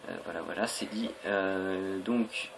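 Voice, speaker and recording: A young man with a fairly low voice commentates casually on a video game. His delivery is hesitant and rambling, and the homemade recording has clear noise behind the voice. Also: takes it slowly. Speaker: gaming video creator.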